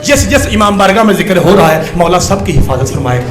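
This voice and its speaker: A man's voice: high voice, lively intonation. A man preaching a mourning sermon to a congregation, impassioned and rising into wailing lament. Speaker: Shia majlis orator. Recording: echoey hall with crowd. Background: crowd weeping.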